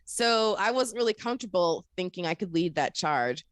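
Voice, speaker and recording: Upbeat chatty woman, low voice. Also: animated, normal speed, no echo, clean studio sound. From Florida, USA. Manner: upbeat, chatty storyteller who laughs often. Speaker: podcast producer guest. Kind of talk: casual interview chat.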